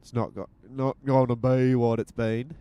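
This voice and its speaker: A man's voice: mid-range voice, little pitch movement, normal speed, mellow, smooth. A man hosting his own podcast, chatting casually and teasing in a mock-stern way from inside his car. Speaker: podcast host. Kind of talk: casual rambling monologue while driving. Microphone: handheld mic with headphones.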